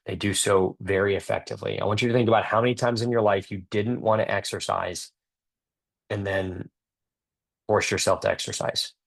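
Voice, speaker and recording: A dentist giving an energetic, joking motivational talk with emphatic delivery. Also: male voice, lowish voice, fairly quick, gravelly. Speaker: dentist and speaker.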